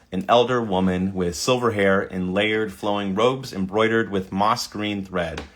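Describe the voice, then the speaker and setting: Low-voiced man reading prompts aloud. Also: a bit bright. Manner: reads prompts aloud, stumbles over words, laughs. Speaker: video creator. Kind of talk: casual screen-recording commentary.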